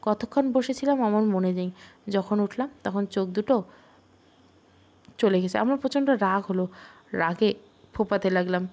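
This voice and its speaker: A woman narrating a first-person story in a calm, steady reading voice. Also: medium pitch, normal speed, pauses often.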